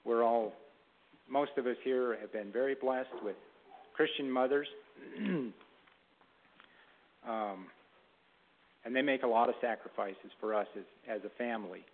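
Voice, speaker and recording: A man preaching a Mother's Day sermon in a halting way, with restarts and throat clearing, reading a story to his congregation. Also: medium pitch, slight background noise. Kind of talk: sermon with a read-aloud story. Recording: tinny phone-like sound.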